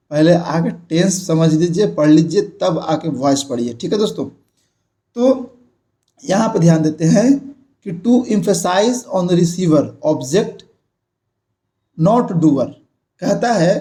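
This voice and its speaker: A man's voice: fairly high pitch, dark tone. A young man explaining a grammar lesson, repeating points and checking in with his viewers. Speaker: grammar teacher.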